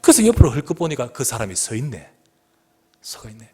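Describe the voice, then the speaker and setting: A man preaching a sermon as pastor of his church, telling a story with sudden loud emphatic rises and hushed drops. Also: medium pitch, sing-song, a little fast, breathy edge. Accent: Korean. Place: church sanctuary.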